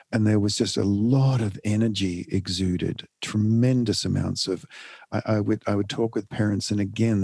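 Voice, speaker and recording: A middle-aged American family counselor speaks thoughtfully in a podcast interview, pausing often and restarting sentences. His fairly low voice is gravelly and darkish with a breathy edge, recorded at studio quality with no echo.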